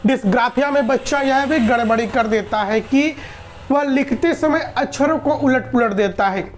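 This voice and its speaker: Woman teacher, slightly high voice, patient exam-prep lecture, repeats and rephrases. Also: measured pace, slight background noise. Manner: explanatory, repeats and rephrases, asks and answers own questions.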